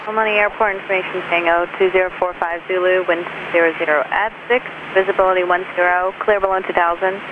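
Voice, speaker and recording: An airport weather broadcast plays over the aircraft radio, reeling off numbers quickly and flatly. The sound is narrow and tinny like a phone line, with a clear hiss running underneath. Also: medium pitch. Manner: clipped, monotone reading of numbers. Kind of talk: recorded weather and runway information readout.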